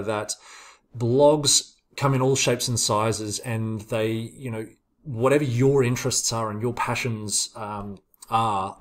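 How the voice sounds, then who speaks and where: A man with a mid-range voice talks in a casual vlogger style, addressing his viewers directly. His delivery is informal and a little halting, with asides and reworded phrases along the way. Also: medium pitch. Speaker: online business video host.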